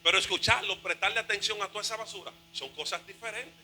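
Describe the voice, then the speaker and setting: A male pastor preaching a fervent sermon, shouting and half-singing his phrases. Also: sits high, quick pace, faint music behind, low-quality recording.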